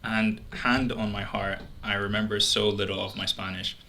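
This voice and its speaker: Bright-voiced young male host. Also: lowish voice, moderate pace, a little hiss or hum. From Greece. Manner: relaxed, friendly interviewer. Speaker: podcast host. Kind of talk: casual chat.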